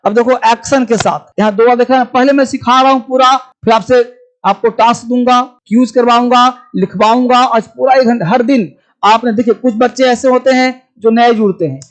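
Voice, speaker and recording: A middle-aged Indian man leads a live spoken English class in a strikingly high voice. He keeps prompting his students and drops to a slow, deliberate pace whenever he spells out an English example sentence. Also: steady tone, rough recording. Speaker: English teacher.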